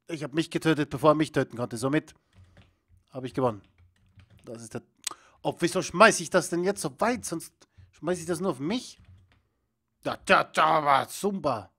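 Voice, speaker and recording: Excitable young man with a lively voice. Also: a little high. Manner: excitable, bursts into loud exclamations. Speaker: let's play host. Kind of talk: video game commentary.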